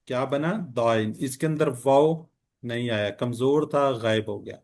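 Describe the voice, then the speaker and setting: Male teacher on a video call, steady mid-pitched voice, keeps quizzing the class patiently. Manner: patient, quizzing students with repeated questions. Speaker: Quran and Arabic grammar teacher. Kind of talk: online class lesson.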